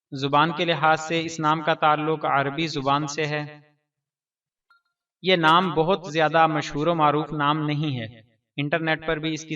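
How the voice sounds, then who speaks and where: Man, scripted voice-over, measured delivery, bright tone, dull lo-fi sound from off-mic. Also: fairly high pitch, recorded from a distance. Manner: measured, spells out pronunciation slowly. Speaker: channel host.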